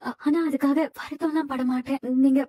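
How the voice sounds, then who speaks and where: An actress playing an anxious young granddaughter in a television drama, speaking hesitantly and pleadingly. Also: female voice, high-pitched, fairly even intonation, brisk, mellow, close to an everyday voice. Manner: pleading, hesitant, repeating words. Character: young woman returning home, anxious and pleading.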